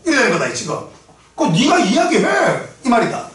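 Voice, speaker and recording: A man teaching an English class in a lecture style, blunt and profane, shouting at times and drilling pronunciation. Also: extremely high pitch, wildly swooping pitch, fairly quick. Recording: very echoey room from far off.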